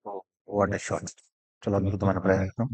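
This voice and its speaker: Husky Telugu Indian man, excited cricket commentary. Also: low voice, normal speed. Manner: excited, exclamatory cricket calls. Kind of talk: live cricket commentary mixing Telugu and English.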